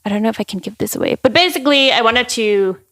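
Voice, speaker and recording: A young woman, a podcast guest, chatting casually and telling stories with quick acted-out quotes and lots of "like". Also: a little high, creaky, a bit bright. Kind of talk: casual chat.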